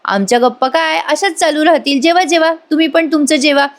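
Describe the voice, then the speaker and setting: Brief: woman playing a fond older grandmother, coaxing, high and warm. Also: a little fast. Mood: affectionate. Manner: affectionate, coaxing. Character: doting older grandmother, affectionate.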